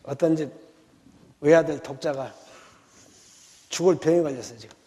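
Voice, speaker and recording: A man giving a sermon lecture, telling stories with acted quotes and swinging between soft and loud. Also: fairly high pitch, moderate pace, in a large hall. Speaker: preacher.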